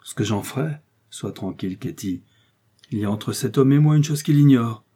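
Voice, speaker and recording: A man voicing a young, cold and cruel noblewoman with a shrill voice and a haughty, scolding manner. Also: expressive, moderate pace, slightly rough. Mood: venomous. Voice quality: shrill, sharp.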